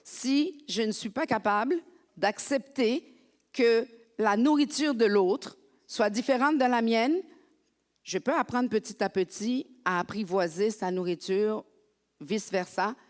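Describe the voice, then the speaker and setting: A woman from France preaching a lively, conversational sermon as a pastor in a church. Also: on the high side, measured pace. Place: church sanctuary. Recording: long hall reverb.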